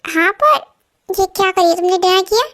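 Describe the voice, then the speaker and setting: A woman's voice: very high-pitched, normal speed, a bit bright. A woman voicing a young husband who turns sulky and curt when jealous, in an amateur voice-over drama. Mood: teasing. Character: young husband, office worker, easily jealous.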